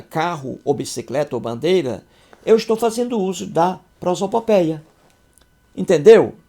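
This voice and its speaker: A man's voice: a little high, dark tone. A man teaching a Portuguese grammar lesson, repeating his examples and checking understanding with short questions.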